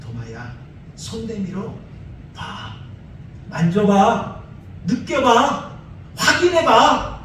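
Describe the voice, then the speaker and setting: A man voicing a gentle, patient Jesus, speaking softly and coaxingly in a sermon. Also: high voice, huge pitch swings, very slow, pauses often, far from the mic, a little hiss or hum, heavily acted. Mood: tender, coaxing. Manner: soft, coaxing, tender. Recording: echoey church hall from afar.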